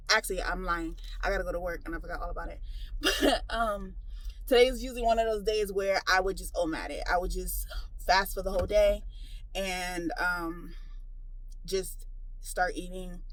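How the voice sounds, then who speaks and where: Chatty woman with a husky voice. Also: mid-range voice, rough recording. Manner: chatty, candid, filler-heavy; hushed, nervous whispering in waiting room. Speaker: vlogger. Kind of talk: casual vlog chat.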